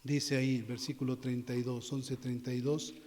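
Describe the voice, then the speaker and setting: A man's voice: mid-range voice, little pitch movement, moderate pace, darkish tone. A male pastor preaching a sermon to his congregation, calling them brothers and building in intensity as he presses his point. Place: church sanctuary. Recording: long church reverb.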